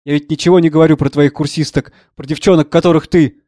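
A man's voice: on the high side, steady tone, quick pace, mellow, dry recording, clean studio sound, lightly acted. A man voicing a tearful, resentful middle-aged wife and mother who pleads and accuses. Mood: distraught.

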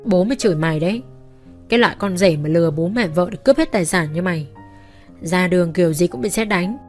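A woman's voice: lowish voice, expressive, fast, a little mellow, faint music behind, natural voice. A woman voicing a furious young wife who hurls insults through clenched teeth.

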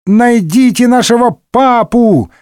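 A loud, rowdy gang of little boys shouts in shrill, high voices, as a male narrator puts them on. The sound is dry and close. It is comic storybook character work. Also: a little slow, no room sound. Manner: shrill yelling.

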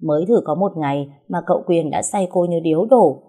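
A woman narrating a story in a steady, even way. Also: lowish voice, brisk, breathy edge.

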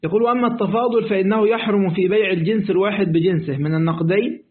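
A man's voice: sits high, very fast. A man with an Egyptian accent teaching a lesson on a classical exegesis text in colloquial style, acting out little dialogues between his explanations. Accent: Egyptian Arabic. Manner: lively, acts out dialogues, switches between reading text and colloquial asides. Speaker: sheikh teaching Quranic exegesis. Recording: tinny phone-like audio.

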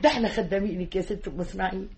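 A woman's voice: mid-range voice, racing, a little mellow, close to an everyday voice. An actress playing an anxious, scolding village mother with an Egyptian accent in a radio drama. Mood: fussing. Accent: Egyptian Arabic.

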